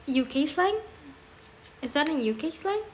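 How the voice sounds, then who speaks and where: Young indonesian woman livestreaming on her phone, high voice, talks slow, cooing at her cat, faint hiss behind. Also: very animated. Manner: coos and baby-talks to her cat, reads chat aloud. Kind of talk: casual live stream chat.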